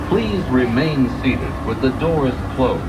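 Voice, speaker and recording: Guy's voice blaring from an outdoor tram loudspeaker, lots of pitch swing, distant with loud traffic noise all around. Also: animated, slow. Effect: outdoor loudspeaker on a moving tram. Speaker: recorded tram announcer. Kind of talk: scripted safety and welcome announcement.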